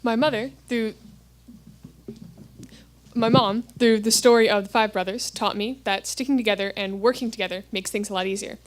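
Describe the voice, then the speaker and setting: Woman, gentle, heartfelt, stage monologue. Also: mid-range voice, steady tone, moderate pace, slight background noise.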